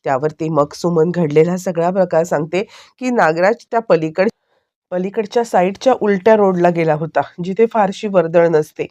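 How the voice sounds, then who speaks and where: Low-pitched woman recapping a TV serial. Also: moderate pace, warm tone. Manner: fillers and self-corrections, running storytelling. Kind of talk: casual story recap narration.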